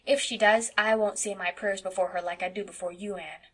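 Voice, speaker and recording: A woman plays a cheeky eight-year-old farm boy who talks bluntly and won't let up, sounding defiant and chatty. Her voice is high, loud and pushy like a child's, steady in tone, fairly quick, with a breathy edge.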